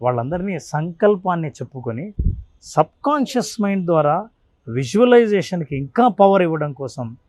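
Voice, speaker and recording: ఆరుబయట ప్రశాంతంగా వివరించే పురుషుడు. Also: male voice, a little high, very animated, moderate pace, a little mellow, no room sound. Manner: earnest, lists points one by one. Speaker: meditation mentor. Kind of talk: explanatory interview talk. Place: outdoors in nature.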